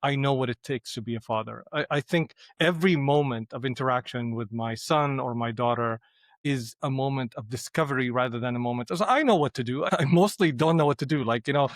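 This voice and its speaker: In this studio-quality clip with no echo, a middle-aged man from Syria speaks briskly in a mid-range voice. He's a podcast guest in a reflective conversation, thoughtful but hesitant, frequently starting over.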